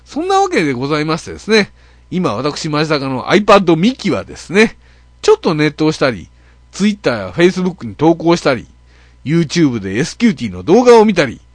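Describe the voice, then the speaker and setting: A man with an Okayama Japanese accent hosts a casual net radio monologue. His voice sits a bit high and swings all over the place as he tells his stories. He talks in a grumbling, self-mocking way, full of fillers, and the sound is close and dry. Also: huge pitch swings, brisk, no room sound. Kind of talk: casual monologue, comic storytelling.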